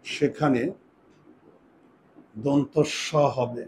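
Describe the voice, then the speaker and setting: A man teaching a grammar lesson, dictating rules slowly and checking often whether his students follow. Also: mid-range voice, little pitch movement, darkish tone, slight background noise. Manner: slow, deliberate dictation with repeated questions to students. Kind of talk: classroom lesson.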